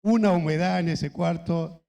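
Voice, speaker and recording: Chilean-born pastor in an echoing church. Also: male voice, sits high, gravelly, a little mellow. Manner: conversational storytelling with laughs and asides. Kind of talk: anniversary sermon with anecdotes. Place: church hall.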